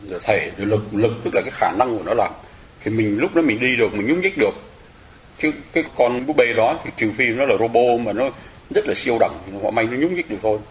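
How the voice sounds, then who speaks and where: Guy giving a dharma talk in a temple, talks real fast, keeps checking everyone gets it. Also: medium pitch, animated. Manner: explains patiently with everyday examples, often checks listeners follow. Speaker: Buddhist teacher. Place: temple hall.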